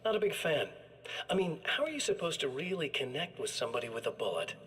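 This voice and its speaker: A man's voice: a little high, big pitch swings, fast, a bit bright. An actor playing a chatty killer in a video game, proud of his tools and casually menacing, talking like a salesman. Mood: smug, casual. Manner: folksy, menacing, casually pleased with himself. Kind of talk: scripted video game acting, sales-pitch monologue.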